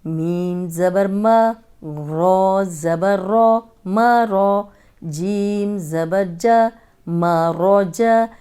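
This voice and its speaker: A woman with a smooth, clear voice teaches Quran recitation at a very unhurried pace. She speaks, spelling out each letter and drilling syllables again and again with patience. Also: medium pitch, dark tone. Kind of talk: slow tajweed lesson with drilled letter sounds.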